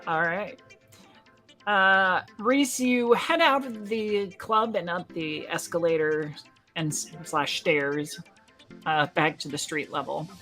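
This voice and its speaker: Slow, lowish-voiced woman game master. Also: a bit bright, soft background music. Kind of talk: improvised tabletop game narration.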